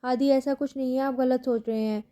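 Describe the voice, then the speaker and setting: A woman's voice: high voice, fairly even intonation, warm tone, natural voice. A woman reading the lines of an anxious young bride in a romance storybook, pleading and earnest.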